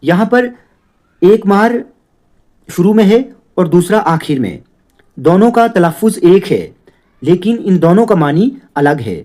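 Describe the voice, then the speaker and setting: A man's voice: high-pitched, expressive, unhurried, long pauses, darkish tone. A man teaching a grammar lesson, explaining patiently and often checking in with "theek hai". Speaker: Urdu teacher.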